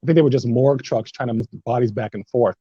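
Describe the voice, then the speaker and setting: A man's voice: medium pitch, quick pace, mellow, husky, no room sound, lo-fi sound. A man on a webinar panel telling a story in a vivid, descriptive way. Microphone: video call.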